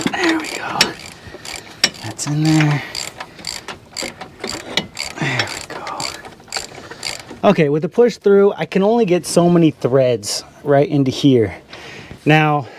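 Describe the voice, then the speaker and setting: A man's voice: a little high, darkish tone, slight background noise. A man chatting casually while working on a truck in his garage, laughing often and a bit out of breath. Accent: Californian English. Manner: chatty, laughs often, calls viewers guys. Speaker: garage vlogger. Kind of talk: casual how-to narration. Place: home garage.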